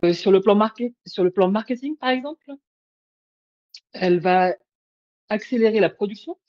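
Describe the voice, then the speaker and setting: Woman, mid pitch, hesitant presenter, dull muffled call audio. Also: normal speed, no echo. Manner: hesitant, many fillers and restarts. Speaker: webinar presenter. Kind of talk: webinar presentation. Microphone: video call.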